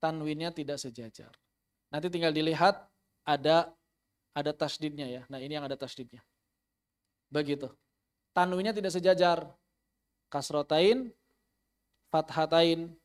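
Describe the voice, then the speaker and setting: Man, high voice, tajweed teacher who repeats terms and demonstrates recitation. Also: measured pace, pauses often. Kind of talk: online tajweed lesson.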